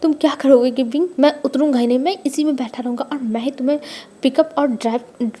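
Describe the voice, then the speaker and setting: A woman's voice: high-pitched, quick pace, warm tone, breathy edge. A woman voicing a devoted young man who keeps begging and insisting while reading a storybook aloud. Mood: insistent. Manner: begging, repeating please.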